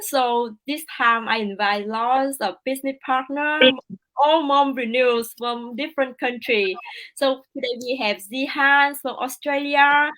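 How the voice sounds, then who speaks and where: A woman with a Vietnamese accent hosting a casual livestream over a video call, talking with many fillers and pauses. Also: on the high side, fairly bright tone. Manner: hesitant, many fillers, broken English. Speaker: livestream host.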